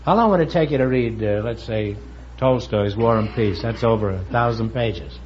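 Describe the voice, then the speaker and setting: A man hosting a quiz show, teasing his guests with sly quick wisecracks. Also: on the low side. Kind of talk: wisecracking interview banter. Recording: dull old broadcast with hiss, audience.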